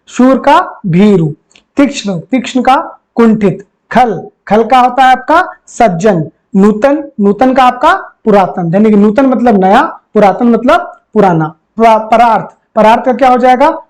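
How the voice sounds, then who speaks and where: A man's voice: very high-pitched, a little mellow, poor audio. A man teaching a Hindi spelling and vocabulary lesson for an exam, repeating each word and asking the viewer questions. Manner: repeats words and quizzes the viewer; calls viewers friends. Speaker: exam tutor.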